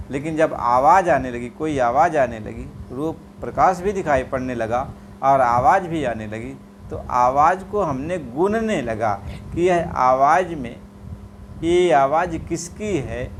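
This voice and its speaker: A man giving a devotional sermon, repeating phrases and drawing out chanted verses in a slow, melodic way. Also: fairly high pitch, slight background noise. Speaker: spiritual preacher.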